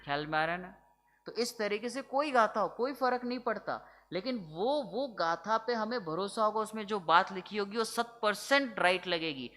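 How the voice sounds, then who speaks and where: A man teaches Jain scripture in a religious discourse to a seated audience, explaining step by step. His high-pitched voice is sharp, lively in intonation and moderately paced. He often checks whether listeners follow, asks rhetorical questions, and mixes English words into his explanations.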